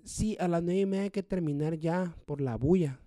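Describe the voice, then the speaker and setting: A man imitating a fussy, insistent middle-aged woman who manages a hotel, shouting at him. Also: on the high side, normal speed, no echo, clean studio sound, pitched above the performer's own voice, natural voice.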